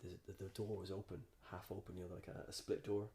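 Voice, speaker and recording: A man's voice: sits low, level tone, quick pace, warm tone. A man from the countryside, a comedian guest, telling stories in a loose, rambling way with lots of restarts. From Ireland. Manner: rambling, storytelling with many restarts. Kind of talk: casual podcast chat.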